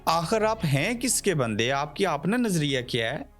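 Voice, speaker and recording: A man's voice: fairly high pitch, big pitch swings, normal speed, fairly bright tone, soft background music. A man, hosting an interview and putting direct, probing questions. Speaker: host, interviewer.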